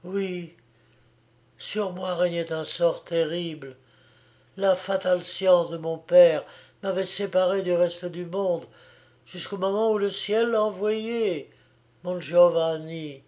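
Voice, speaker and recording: A man reading an audiobook, voicing a gentle young woman who pleads tenderly and softly. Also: sits high, steady tone, takes it slowly, voice pushed up. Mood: tender, sorrowful.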